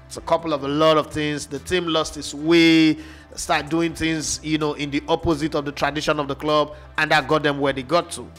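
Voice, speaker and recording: Male pundit, fairly high voice, blunt and emphatic, faint music behind. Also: little pitch movement, normal speed, a bit bright. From Nigeria. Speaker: football pundit. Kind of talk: opinionated sports talk.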